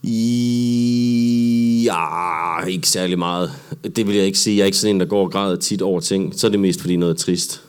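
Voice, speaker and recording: A man with a low, deep voice, a comedian guest on a casual live podcast. He rambles through vivid anecdotes and breaks into little acted-out asides. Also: little pitch movement, hardly any pauses.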